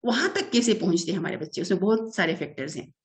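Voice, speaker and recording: A woman's voice: mid-range voice, expressive, fast talker. A middle-aged woman, an early childhood development expert giving an earnest interview answer that is full of English terms and short hesitations. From Pakistan.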